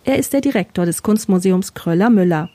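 A woman reporter reading a scripted radio feature in a measured, informative way. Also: medium pitch, expressive, warm tone, dry recording.

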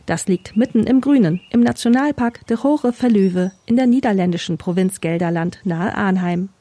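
A woman reporter reading a scripted radio feature in a measured, informative way. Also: mid-range voice, mellow, no room sound.

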